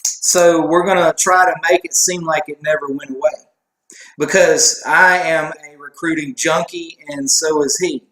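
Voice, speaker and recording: A man's voice: a little high, fairly even intonation, a little slow, fairly bright tone. A man co-hosting a casual sports chat show, rambling and joking at his own expense. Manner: rambling, joking, self-deprecating. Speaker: co-host. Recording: echoey room.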